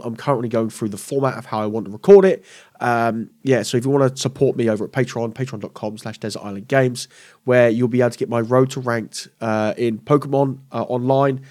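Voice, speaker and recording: Congested with a cold, a man hosts a casual solo gaming news podcast, rambling and correcting himself as he goes. He has a mid-range voice with a darkish tone.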